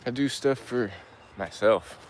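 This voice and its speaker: Out in the woods, a young man from Turkey talks casually to his stream audience, reading comments aloud and often stopping to restart. He has a mid-range voice and a laid-back manner, with a little hiss or hum on the recording.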